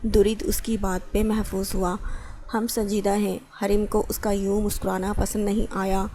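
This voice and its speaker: A woman's voice: mid-range voice, little pitch movement, warm tone. A woman reading a romance novel aloud, voicing both the lovers' lines with little change in her voice. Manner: reads dialogue of both characters with little change of voice.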